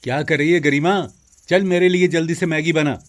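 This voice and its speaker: A man voicing an arrogant, bullying elder brother, scolding and commanding, in an animated moral story. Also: a little high, normal speed, close to an everyday voice. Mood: bossy.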